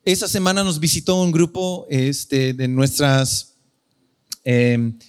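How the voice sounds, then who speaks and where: A man's voice: a little high, flat delivery, slow, smooth. A male pastor preaching a sermon in an earnest, conversational way, often correcting himself.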